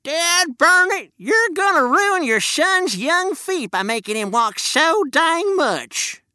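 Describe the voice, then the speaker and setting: A storyteller voicing a cantankerous old male prospector who drawls folksy exclamations, pitched high and loud. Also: very animated, slow, dry recording, clean studio sound, heavily acted. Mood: cranky folksy. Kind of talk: storybook read-aloud.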